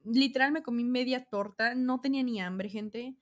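Lively young Mexican woman telling a story. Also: on the high side, normal speed. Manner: animated, slangy, acts out quotes. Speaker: vlogger. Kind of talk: casual storytime.

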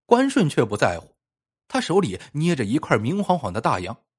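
A man narrating a scripted story, telling it in a lively way with a slightly husky voice. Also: medium pitch, moderate pace. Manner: lively storytelling, plainly voicing characters' speech.

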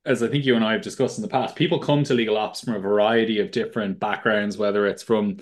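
A man's voice: on the low side, steady tone, quick pace. A man hosting a podcast interview, asking conversational questions in a friendly way. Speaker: podcast host.

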